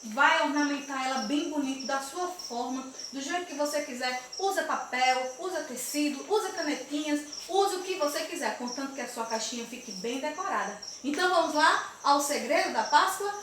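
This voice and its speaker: High-pitched sing-song Brazilian woman, echoey room. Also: moderate pace, hardly any pauses. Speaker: children's ministry teacher. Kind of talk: children's Bible lesson, addressing kids. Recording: echoey room, distant mic, faint noise.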